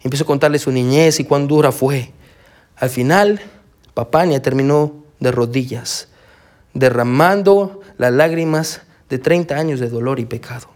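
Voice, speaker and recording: A man's voice: medium pitch, moderate pace. A pastor preaching a sermon, telling a story with animation and calling his listeners brother. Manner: animated storytelling, acts out quoted voices.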